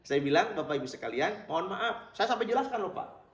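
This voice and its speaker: A middle-aged man preaching in a mosque, telling stories lively and often addressing his listeners directly. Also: sits high, fairly quick. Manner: lively storytelling, addresses listeners as Pak and Bapak Ibu. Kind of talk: mosque religious lecture. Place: mosque hall. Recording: very echoey hall, mic far off.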